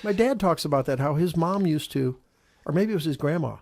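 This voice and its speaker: A man's voice: fairly high pitch, animated, brisk, gravelly, darkish tone, no room sound. A man hosting a health radio show as a doctor, chatting casually, laughing easily and often restarting his sentences.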